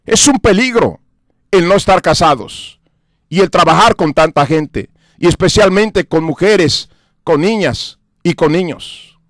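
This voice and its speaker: A man's voice: high voice, lively intonation, unhurried, dry recording. A Mexican man and pastor giving an earnest radio sermon, repeating and listing his points with emphasis. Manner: earnest, repetitive preaching with emphatic lists. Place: radio studio.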